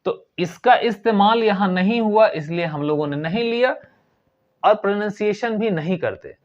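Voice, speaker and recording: A man teaches an English grammar lesson, his voice sitting high for a man. He explains patiently, repeats his points and spells words out slowly. The recording is dull and lo-fi.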